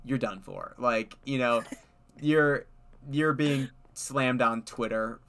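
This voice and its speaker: A man's voice: mid-range voice, steady tone, slow, fairly bright tone. A young man streaming and chatting casually, rambling with lots of fillers and frequent laughter. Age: young adult. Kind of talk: casual chat while gaming.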